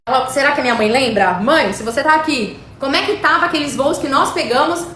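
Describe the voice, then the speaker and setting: A high-voiced woman from Brazil teaches English in a live stream. She talks in a chatty way and answers viewers' comments as she goes. Her voice rings in a very echoey room with a faint hiss underneath. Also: fast, pushed and bright.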